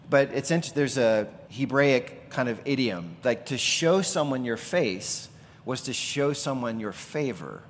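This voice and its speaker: A middle-aged male pastor preaching a sermon in a conversational, animated storytelling way. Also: mid-range voice. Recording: long hall reverb.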